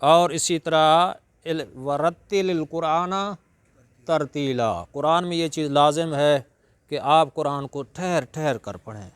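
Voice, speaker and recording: A man giving a religious lecture, teaching slowly and breaking into drawn-out Arabic recitation. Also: a little high, smooth, no room sound. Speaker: Quran reciter and preacher.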